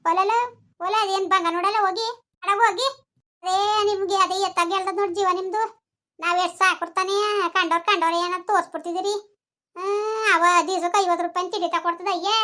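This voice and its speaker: Woman as a quarrelsome mother, high bright voice. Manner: scolding, shouting threats. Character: angry village mother, sharp-tongued. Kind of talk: village comedy skit acting.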